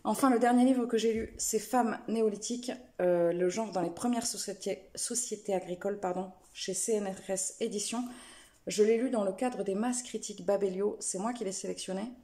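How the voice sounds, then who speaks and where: Mellow-voiced woman chatting about books. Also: medium pitch, normal speed. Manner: chatty, hesitant with many fillers. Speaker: book and knitting vlogger. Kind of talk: casual book review chat.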